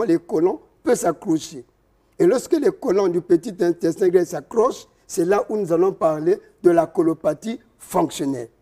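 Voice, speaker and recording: A man, a traditional healer interviewed as a guest, explaining slowly and step by step with hesitations. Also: sits high, mellow. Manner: slow, didactic, explaining step by step with many hesitations.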